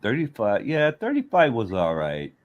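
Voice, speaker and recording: A man's voice: medium pitch, huge pitch swings, normal speed, highs cut off. A man in his sixties hosting a podcast, chatting casually in a crude, jokey way and laughing often. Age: 60s. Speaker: podcast host. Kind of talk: casual chat.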